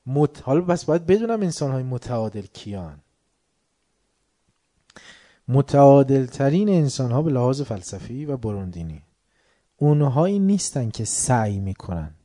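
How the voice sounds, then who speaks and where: A man giving a religious lecture, swinging between soft asides and loud, heated outbursts. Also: mid-range voice, big pitch swings, pauses often. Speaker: preacher.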